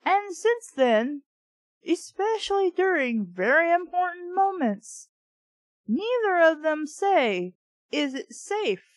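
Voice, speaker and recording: Very high-pitched and sing-song, her slow delivery is recorded with no echo. This reviewer and reader of children's books narrates a story like an audiobook while tossing in sardonic, sweary, exasperated asides.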